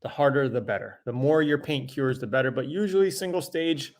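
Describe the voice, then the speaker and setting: Man, middle-aged, casual Q&A host, loose chatty delivery, mid-pitched voice. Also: brisk. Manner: loose and conversational, with fillers and self-corrections. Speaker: host answering viewer questions. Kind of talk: casual live Q&A.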